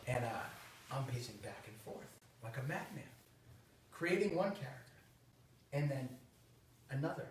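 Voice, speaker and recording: Animated bostonian guy, echoey room. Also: medium pitch, normal speed, pauses often, recorded from a distance, noisy background. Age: 30s. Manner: animated, laughing, many restarts. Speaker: host. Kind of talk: casual chat.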